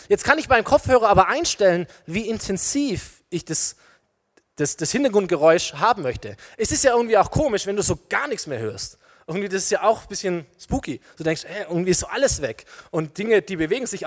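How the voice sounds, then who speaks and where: High-voiced preacher in a reverberant hall. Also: male voice. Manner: lively preaching with illustrations, addresses listeners directly. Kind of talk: sermon. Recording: long reverb of a large hall.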